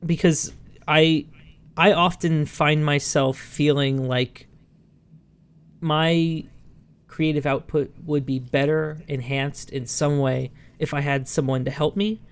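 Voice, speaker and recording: A man's voice: on the high side, fairly even intonation, takes it slowly, smooth. A man in his thirties co-hosting a podcast, chatting casually, often stumbling and repeating words, self-deprecating. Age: 30s. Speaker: podcast co-host. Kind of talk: casual chat.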